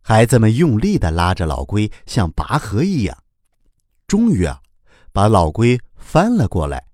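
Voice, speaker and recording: A man narrating a children's story in a very animated, deliberate way. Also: lowish voice, dry recording, clean studio sound.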